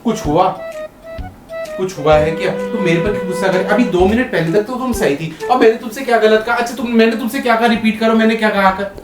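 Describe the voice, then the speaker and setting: A man's voice: high-pitched, quick pace, over music. Guy arguing w his wife, keeps asking what happened, echoey room. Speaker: husband in a staged prank. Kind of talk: casual domestic argument.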